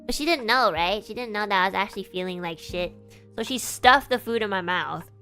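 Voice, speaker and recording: A woman streamer recalls a story in relaxed, casual talk. Her delivery meanders, packed with fillers and restarts. Her voice sits at a mid pitch over faint background music. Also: brisk, clean tone. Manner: meandering, filler-heavy recollection.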